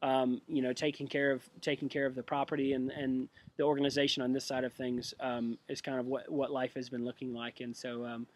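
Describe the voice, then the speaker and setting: Halting earnest young man with a cough. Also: mid-range voice, level tone. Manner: halting, many restarts and repeated words; earnest and prayerful. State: sick with a cough. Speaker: missionary giving a monthly update. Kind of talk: casual spoken update.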